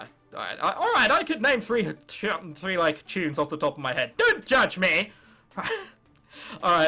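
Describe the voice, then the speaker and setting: Sitting high in pitch, this late-teen gaming video host from England keeps up a sarcastic, casual running commentary on his gameplay. He's self-deprecating, liberal with swearing, and excitable throughout.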